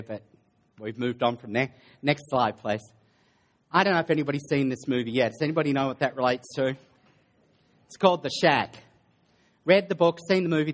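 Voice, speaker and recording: A man preaching a sermon to a congregation, dropping into sarcastic asides and building to slow, emphatic lists. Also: mid-range voice. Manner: sarcastic asides, drops to quiet then builds. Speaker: pastor. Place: church sanctuary.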